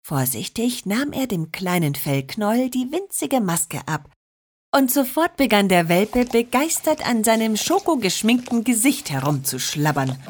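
A woman in scripted narration of a children's story, expressive and playful. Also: mid-range voice, a little hiss or hum.

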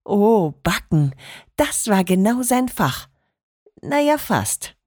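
A woman narrating a children's story in an expressive, lively storytelling manner. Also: medium pitch, slow, dry recording, clean studio sound.

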